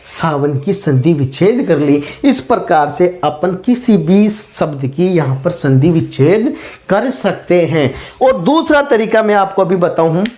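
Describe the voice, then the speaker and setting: A man's voice: high-pitched, lively intonation, a little slow, darkish tone. A man teaching a grammar lesson step by step, posing questions to his students and answering them himself. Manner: patient, step-by-step explaining.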